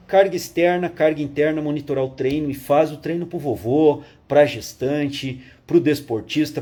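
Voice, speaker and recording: A man teaching a live online fitness course in a casual, animated way, full of slang and quick check-ins. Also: on the high side, husky. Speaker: physical education instructor.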